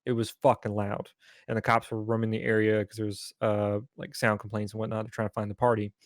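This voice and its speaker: A man's voice: fairly low pitch, monotone, fast talker, no room sound. A man, rambling through a casual story on a podcast and cursing freely. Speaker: podcast co-host. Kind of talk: casual chat.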